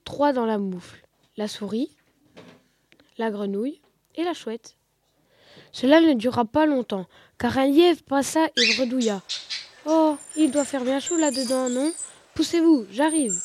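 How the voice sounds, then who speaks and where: A woman reading a children's story aloud in an expressive, lively way. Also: fairly high pitch, dry recording. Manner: expressive, lively read-aloud with rising excitement.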